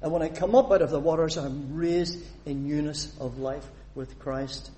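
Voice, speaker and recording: A man from Northern Ireland delivers a sermon in a fairly high voice at normal speed, lively and animated as he reads scripture aloud and puts questions to the congregation. The long reverb of a church hall rings around his voice, with a little hiss or hum in the recording.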